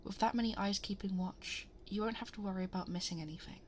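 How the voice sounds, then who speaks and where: Gentle, ageless space princess played by a woman, motherly and reassuring, mid-range, breathy near-whisper for bedtime ASMR, close-miked over clear background ambience. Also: medium pitch, fast talker, a little hiss or hum, lightly acted. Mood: soothing, reassuring. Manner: soothing, tender, reassuring, often breathy half-whisper. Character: gentle, motherly ageless cosmic princess, comforting a lost child. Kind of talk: ASMR bedtime story roleplay. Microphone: close binaural 3Dio microphone.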